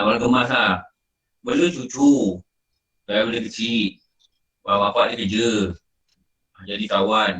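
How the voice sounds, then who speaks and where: Here the Malaysian Malay-accented teacher's voice sits on the low side with a fairly bright tone. He is a middle-aged man delivering an informal religious lecture, chatting and repeating himself often as he tells stories. He sounds distant from the mic in a roomy space.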